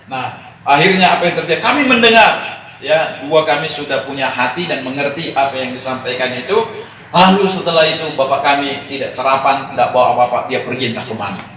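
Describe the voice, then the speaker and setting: A man, telling a personal story in a sermon as an animated storyteller who talks straight to the congregation and chuckles often. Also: medium pitch, brisk, a little hiss or hum. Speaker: preacher leading a discipleship session. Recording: very echoey hall, voice from a distance.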